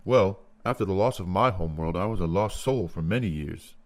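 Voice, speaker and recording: An actor playing a deep-voiced alien who lost his homeworld and speaks slowly and gravely. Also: expressive. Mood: solemn.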